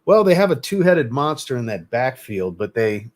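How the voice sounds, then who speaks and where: A man's voice: mid-range voice, very animated, moderate pace. Blunt rambling man chatting on a stream. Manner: rambling and blunt, with mild swearing; restarts and repeats himself. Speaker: live stream host. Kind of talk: casual live chat commentary.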